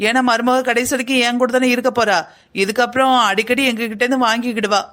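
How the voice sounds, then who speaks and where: A man's voice: extremely high pitch, steady tone, quick pace, pushed and bright. Parvathi, a man voicing a stern mother-in-law. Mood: proud. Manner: bossy, firm, declaring. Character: proud stern middle-aged mother-in-law. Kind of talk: cartoon family drama voice acting.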